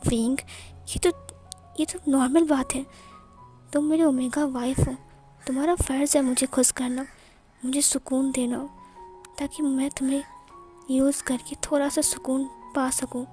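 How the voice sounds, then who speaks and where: A woman voicing a stern, possessive young man who speaks in curt, hushed commands in a storybook reading. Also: sits high, steady tone, measured pace, pauses often, faint music behind.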